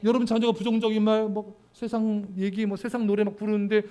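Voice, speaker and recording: A man with a notably high voice delivers a sermon at a church service. He preaches emphatically and keeps turning to the congregation with direct questions. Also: monotone, brisk, mellow. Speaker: pastor.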